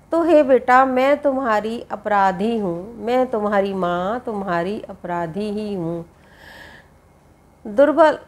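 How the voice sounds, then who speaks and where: A woman teacher with a fairly high voice, working through a poem in a class lesson. She reads a verse line aloud and then unpacks it in simple words, circling back and repeating phrases. She talks at an unhurried, deliberate pace. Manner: reads verse lines, then explains them in plain words with many repeats. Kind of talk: Hindi poetry lesson.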